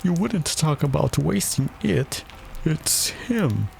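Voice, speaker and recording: Eccentric hatter, male reader: high, swooping voice, haughty, pedantic, plaintive, storybook style. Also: big pitch swings, slow, gravelly, a little mellow, a little hiss or hum, full character voice, low-quality recording. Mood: contemptuous.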